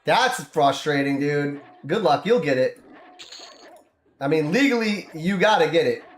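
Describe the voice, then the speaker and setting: A man's voice: on the high side, animated, measured pace, roomy sound. A man casually chatting while streaming a game, rambling and laughing often as he plays.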